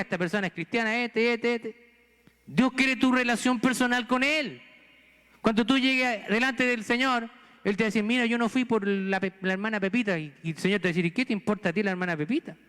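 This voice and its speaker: A man's voice: high-pitched, fairly bright tone, clean tone, in a large hall. A man from Chile, a pastor with a Chilean accent, preaching a sermon earnestly and pressing the congregation with rhetorical questions. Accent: Chilean Spanish. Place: church sanctuary.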